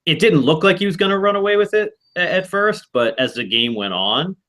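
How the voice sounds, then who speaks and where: A man's voice: sits high, lively intonation, a little fast, a bit bright. A man hosting a casual online board game club, explaining rules and strategy in a rambling way with frequent restarts.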